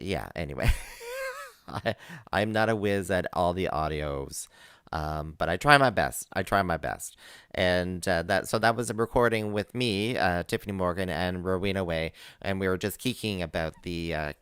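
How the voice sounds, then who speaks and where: A man hosting a live community radio show, his voice low and clear with a lot of up-and-down movement. He talks casually and rambles through fillers, laughing easily. The sound is dry and close on a studio mic. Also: fairly bright tone, no echo.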